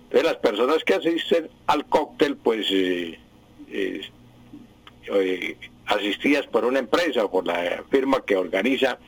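A man, a language expert on the radio who explains word usage patiently, repeats his points and often pauses with fillers. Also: lowish voice, animated, slightly rough, low-quality recording. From Colombia.

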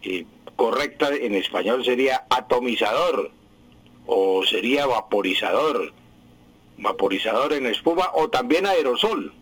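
A man gives language advice on radio in a husky, slightly breathy voice. He explains patiently, going over the same point again and pausing on fillers. The sound is dry and close. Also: medium pitch, expressive, a bit bright, dry recording, low-quality recording. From Colombia. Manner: patient, repeats key points, hesitant fillers. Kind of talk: explaining word usage on a radio program.

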